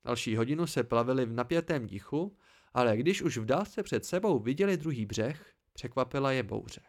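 A man's voice: medium pitch, expressive. A man narrating an amateur audiobook in a plain reading voice.

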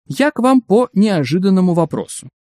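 A man doing a smooth-talking, persuasive biographer. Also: high-pitched, very animated, moderate pace, a little mellow, no room sound, studio quality, voice pushed up. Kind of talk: audiobook character reading.

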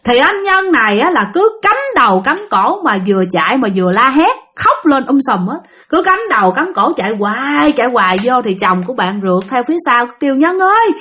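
A woman from Southern Vietnam, judging by her accent, spins a ghost story with energy, addressing those listening directly. Her voice is fairly high.

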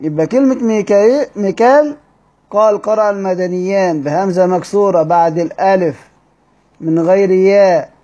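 A man with an Egyptian accent teaching Quranic readings in a study-circle lecture, explaining step by step and drawing out key words slowly. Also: high-pitched, mellow. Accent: Egyptian Arabic. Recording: dull lo-fi recording.

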